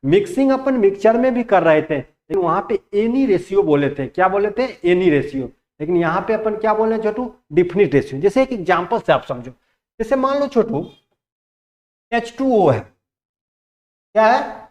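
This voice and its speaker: A man teaching chemistry in Hindi, who asks the class questions and answers them himself and mixes in English terms. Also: high voice. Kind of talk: classroom lecture.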